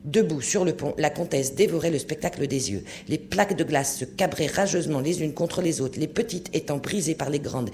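A man's voice: a little high, a little fast, few pauses, a little hiss or hum. Man reading a story aloud. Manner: expressive storytelling. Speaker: narrator. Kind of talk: audiobook narration.

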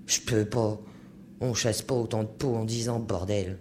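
A man's voice: fairly low pitch, steady tone, a little slow, a little mellow, a little hiss or hum, voice pushed down, natural voice. Man voicing a cursing, bellowing sea captain. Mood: grumbling. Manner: bellowing curses. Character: furious gruff male ship captain.

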